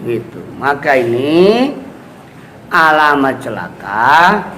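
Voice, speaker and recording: Slow, echoey Indonesian religious teacher. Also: male voice, medium pitch, very animated, pushed and bright. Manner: chatty, asks "ya kan?" often, acts out quoted voices with laughs. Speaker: Islamic teacher giving a kitab study. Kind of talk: casual religious lesson to students. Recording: echoey room with faint ambient noise.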